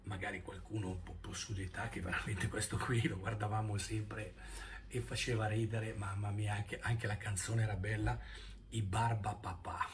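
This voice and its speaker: A vlogger in his fifties reminisces casually to a camera held at arm's length in a room at home, hesitating and often searching for words. His voice is lowish and level, at a moderate pace. The video is a noisy, amateur, phone-style recording.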